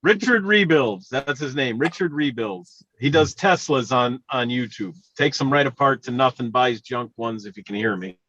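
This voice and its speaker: A man's voice: medium pitch, animated, normal speed, hardly any pauses, a bit bright, no room sound. Man on a dull, breaking-up phone call. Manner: chatty, restarts phrases. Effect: breaking-up phone connection with a bad signal. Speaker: participant on a group call. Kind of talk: casual group chat. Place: car stopped on a bridge in town. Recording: dull lo-fi cutting-out call audio.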